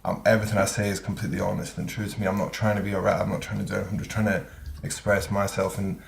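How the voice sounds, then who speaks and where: Gravelly Edinburgh man in an echoey room. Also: deep voice, little pitch movement, racing. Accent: Scottish, Edinburgh. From Scotland. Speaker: guest musician. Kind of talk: casual chat. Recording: echoey room with faint noise.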